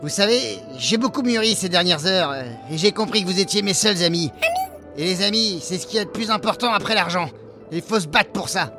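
A man's voice: high-pitched, a little fast, natural voice. A man playing a cocky, foul-mouthed hobbit rogue in a fantasy parody, with cheeky slangy talk. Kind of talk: parody fantasy cartoon acting. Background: music.

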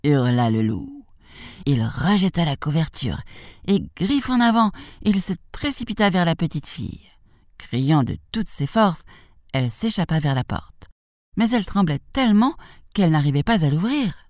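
A woman reading a fairy tale aloud for young children, in a lively, expressive way. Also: on the low side, normal speed, no echo, studio quality. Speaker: storyteller.

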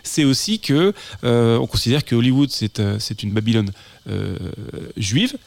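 A man commenting on classic cinema in a casual conversation, at an ordinary middle pitch. He speaks eagerly, often restarting and repeating words as his ideas pile up. His voice sounds dry and close, with no room echo. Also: big pitch swings, normal speed, gravelly. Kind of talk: casual chat about film history.

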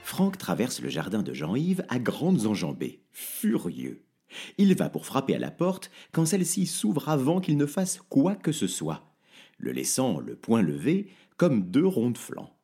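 Un narrateur au timbre un peu rauque lit une histoire avec une grande variété d'intonations, voix de hauteur moyenne. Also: male voice, medium pitch, measured pace, slightly rough, soft background music. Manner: lively, expressive. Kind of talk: audiobook narration.

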